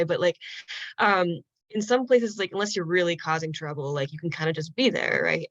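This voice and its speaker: A woman's voice: fairly low pitch, no echo, dull audio. Chatty woman on a video call. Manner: chatty, animated, lots of "like" and "right?". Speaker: artist presenting a project. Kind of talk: casual live presentation on a video call.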